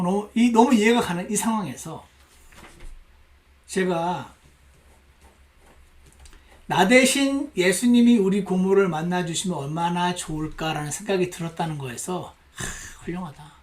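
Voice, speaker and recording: 여성 양육반에서 성경을 가르치는 남자 목사로, 질문을 던지고 인용된 말을 연기하듯 들려준다. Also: male voice, high voice, moderate pace, long pauses. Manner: animated, rhetorical questions, acts out quoted lines. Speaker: pastor teaching a women's Bible class. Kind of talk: Bible class teaching. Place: church classroom.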